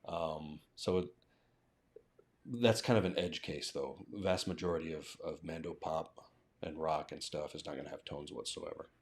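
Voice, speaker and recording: A language teacher from the southern United States hosts a livestream, answering language questions in a very low voice with an American accent. His delivery is casual, steady and moderately paced, as he thinks aloud and tacks on little checking tags.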